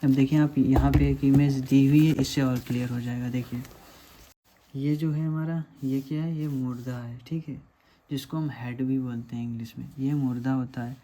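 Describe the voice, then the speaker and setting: A man's voice: mid-range voice, steady tone, moderate pace, warm tone. A man teaching a lesson over diagrams, patiently asking questions and answering them himself.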